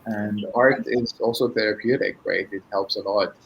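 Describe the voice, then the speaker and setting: A man's voice: lowish voice, steady tone, normal speed, lo-fi sound, slight background noise. A man hosting a casual conversational interview. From Syria. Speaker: interview host.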